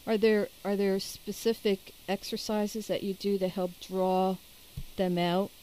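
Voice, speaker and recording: A woman's voice: mid-range voice, flat delivery, a little slow, dark tone, rough recording. A woman interviewing a guest, asking conversational questions and thinking aloud as she goes.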